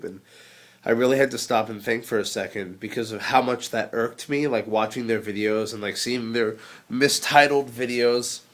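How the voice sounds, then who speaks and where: A young man with a head cold, vlogging in a casual, rambling way and making sarcastic jokes. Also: fairly low pitch. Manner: sarcastic, jokey, riffs in mock voices.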